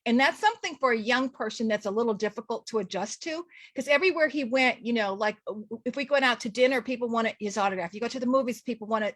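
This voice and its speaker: A woman's voice: on the high side, fast talker, few pauses, no room sound. A middle-aged woman from Los Angeles, talking casually as a guest in a radio interview, chatty with many restarts and fillers.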